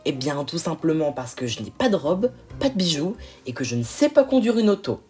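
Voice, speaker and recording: A woman's voice: sits low, very animated, fairly quick, mellow, soft background music. A woman voicing a fretful young housewife. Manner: fretful and emphatic. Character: anxious young housewife, fussy and insecure. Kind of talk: toy-figure film voice acting.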